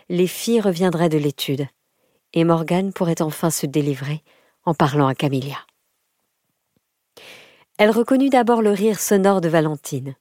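A woman reading a children's novel aloud in a measured, expressive narration. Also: fairly low pitch, no room sound, studio quality. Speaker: audiobook narrator. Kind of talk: scripted storybook narration. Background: faint music.

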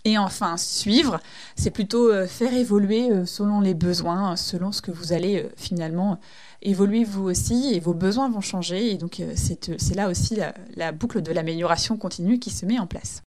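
A woman's voice: mid-range voice, normal speed, a little mellow. A woman hosting a podcast, explaining a method in a friendly, chatty way with frequent fillers and restarts. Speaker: podcast host.

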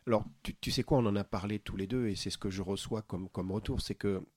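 A man, a podcast host, talking earnestly about his interviews in a warm, heartfelt way, often restarting his sentences. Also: on the low side, fairly even intonation, a little fast, husky, dry recording. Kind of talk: conversational interview storytelling. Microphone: studio microphone.

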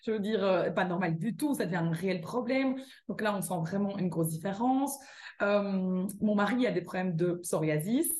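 A woman's voice: medium pitch, expressive, normal speed, darkish tone. A woman with a Belgian French accent, a guest author and yoga teacher chatting casually in an interview, with many fillers and restarts.

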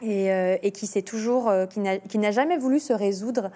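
A woman, an author and illustrator, talking in an interview, animated and hesitant, often restarting her sentences. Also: medium pitch, normal speed. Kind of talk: interview talk.

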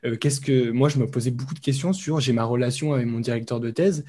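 A young man speaks spontaneously as an interviewed researcher, thinking aloud with frequent pauses and hesitations. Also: medium pitch, darkish tone. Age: young adult. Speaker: young researcher and podcast co-host, interview guest.

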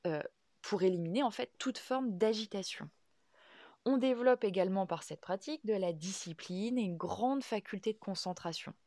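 A woman hosting a podcast, explaining in a calm, measured way with frequent hesitations. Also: medium pitch, dry recording, clean studio sound. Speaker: podcast host, yoga teacher.

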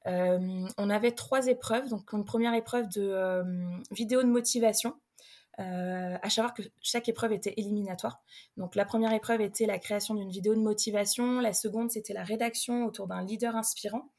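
A woman's voice: mid-range voice, steady tone, a little fast, darkish tone. Young adult woman, recruiter, interview guest, casual, hesitant, lots of filler sounds.

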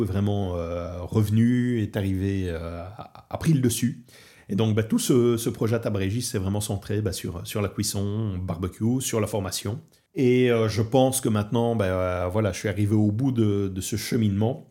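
Un homme originaire de Belgique qui parle de son projet de barbecue dans un podcast décontracté, avec beaucoup d'hésitations et de « euh ». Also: male voice, lowish voice, moderate pace, warm tone. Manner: hesitant, many fillers and restarts. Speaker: podcast host and barbecue trainer. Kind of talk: casual podcast talk. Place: Portugal.

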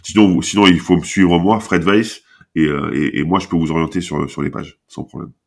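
A talkative basketball camp founder with a head cold chats casually as a guest on a podcast. His deep voice is brisk and carries vocal fry, and he tends to ramble and start his sentences over.

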